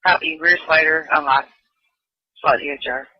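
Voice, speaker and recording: A man working as a police dispatcher over a walkie-talkie, briskly reading back each call. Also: a little high, fairly even intonation, breathy edge, no room sound. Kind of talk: terse police radio calls. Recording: archival lo-fi police radio.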